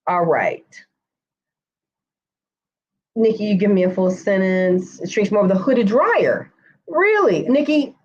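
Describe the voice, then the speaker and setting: Woman hair stylist, casual live Q&A host, friendly and chatty, mid-pitch, muffled stream audio. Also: a little mellow. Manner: chatty, addresses viewers by name, says y'all. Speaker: hair stylist teaching a live online course. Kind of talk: live-stream Q&A answering comments.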